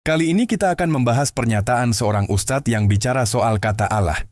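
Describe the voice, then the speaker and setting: Brief: male host and narrator, even explanatory read, mid-pitched. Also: a little fast, no room sound, clean studio sound. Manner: steady explanatory delivery. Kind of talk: scripted commentary narration.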